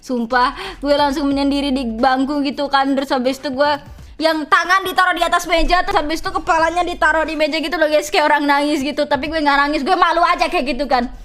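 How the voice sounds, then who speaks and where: Animated bright-voiced streamer woman. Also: high voice, fast talker. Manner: animated, dramatic, slangy. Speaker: VTuber streamer. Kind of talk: casual livestream storytelling.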